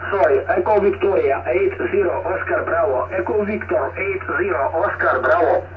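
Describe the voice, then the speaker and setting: High-voiced man heard over a ham radio. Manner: reads call signs in phonetic alphabet with hesitant pauses. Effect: heard over a ham radio receiver. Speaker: amateur radio operator. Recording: distant muffled noisy radio transmission.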